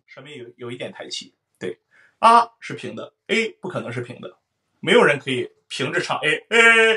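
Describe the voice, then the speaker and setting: A man's voice: medium pitch, very animated, a little fast. A man teaching a singing lesson, explaining resonance and singing vowels aloud to show it. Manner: explains then sings vowels, loud sung demonstrations.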